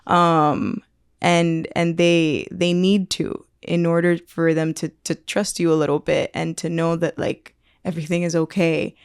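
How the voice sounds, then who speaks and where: A woman talking candidly as a podcast guest about leading teams, blunt and open, with frequent "like" fillers and quick laughs. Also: on the low side, level tone, clear, resonant tone, no room sound, clean studio sound. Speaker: event leader and podcast guest. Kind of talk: casual interview conversation.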